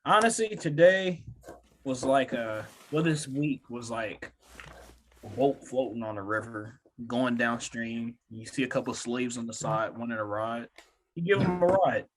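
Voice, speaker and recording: A man's voice: medium pitch, a little slow, a little hiss or hum. A man co-hosting a podcast in casual chat, teasing his friends in everyday slang. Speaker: podcast co-host.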